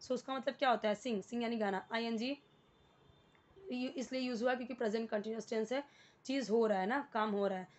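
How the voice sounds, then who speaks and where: A woman's voice: fairly high pitch, steady tone, quick pace. A woman with an Indian accent teaching beginner English, explaining a worksheet patiently and spelling words out letter by letter.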